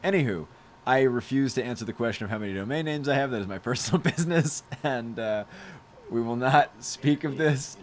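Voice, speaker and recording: Speaking a little fast over slight background noise, this mid-range male voice belongs to a young podcast creator running a live Q&A stream. He chats casually with fans, wandering through anecdotes packed with fillers and laughs.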